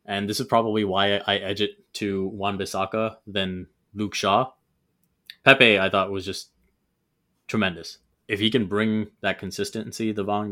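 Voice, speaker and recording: A man with a fairly low voice hosting a casual football podcast. He moderates the discussion, adds his own view and hands the floor to the others. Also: a bit bright. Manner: moderating, passes questions to others. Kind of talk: casual sports chat.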